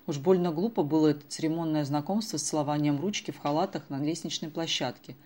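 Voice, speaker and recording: Brief: brisk, anxious middle-aged mother, sharp and wry, read by a woman narrator. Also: sits low.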